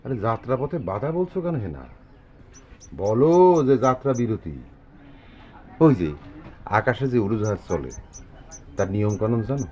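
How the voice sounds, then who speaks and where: A man's voice: lowish voice, animated, normal speed, long pauses, darkish tone, dull audio. An actor playing a bossy, blustering village father, speaking. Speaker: father of the household. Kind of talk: rural comedy drama acting.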